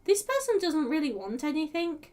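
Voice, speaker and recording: A woman's voice: high-pitched, very animated, normal speed, darkish tone, far from the mic. A woman giving a casual, rambling tarot reading on a live stream, with many fillers and hedging words. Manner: chatty, meandering, lots of fillers and "like". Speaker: tarot reader.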